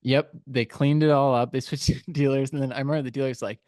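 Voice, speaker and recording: A podcast co-host telling a story in casual chat, animated and full of "like" and "dude.". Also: male voice, medium pitch, fairly quick, no echo, clean studio sound.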